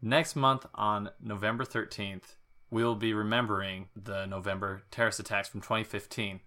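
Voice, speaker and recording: A man co-hosts a casual podcast in a bright, forceful voice. His questions wander and he keeps things joking. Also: on the low side, steady tone, normal speed. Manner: joking, asks rambling questions. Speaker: podcast co-host.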